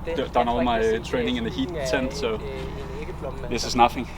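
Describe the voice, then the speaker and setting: A young man chatting casually in a vlog about his training day, relaxed and hesitant with frequent ums. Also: mid-range voice, moderate pace, echoey room, a loud crowd. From Denmark. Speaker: professional triathlete vlogging. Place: outdoors near roads. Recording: outdoor traffic noise.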